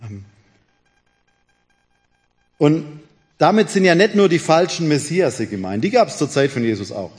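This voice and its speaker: A man's voice: fairly high pitch, a little slow, pauses often. A man preaching a sermon in German, explaining scripture and reading verses aloud to his listeners. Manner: reads scripture aloud, explains calmly, addresses listeners directly. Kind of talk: Bible teaching sermon.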